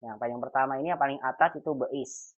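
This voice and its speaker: A man's voice: mid-range voice, fairly even intonation, fast. A male teacher giving an online Arabic grammar lesson. He is patient and drills each phrase with a rising, emphatic tone. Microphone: video call. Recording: tinny phone-like call audio.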